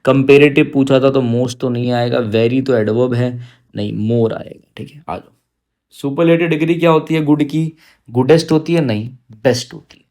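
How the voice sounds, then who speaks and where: A male teacher giving an exam-prep grammar lesson, coaxing and teasing his students and drawing out English examples slowly. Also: mid-range voice, darkish tone.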